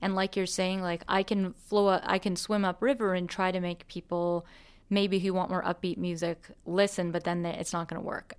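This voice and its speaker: A woman's voice: fairly low pitch, level tone, normal speed, clear, resonant tone. A woman hosting a podcast, an artist talking earnestly and musingly, with restarts and light laughs. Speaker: podcast host and musician. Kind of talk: reflective conversation.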